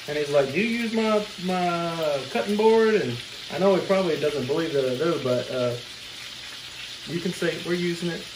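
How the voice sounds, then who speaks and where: Chatty man cooking in a sizzling kitchen. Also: high voice. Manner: chatty, talks to the viewer while cooking. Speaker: cooking show host. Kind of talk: casual cooking tutorial. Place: home kitchen, indoors. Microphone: camera mic at a distance. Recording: noisy kitchen with sizzling pan. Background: frying and sizzling food.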